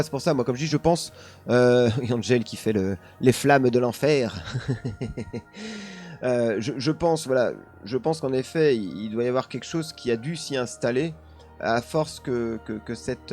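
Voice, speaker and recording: During a live stream, a man with a mid-range, darkish voice casually tells a paranormal story at a moderate pace, with faint music playing behind him. He chats with viewers, laughs often, and keeps falling back on the same filler words.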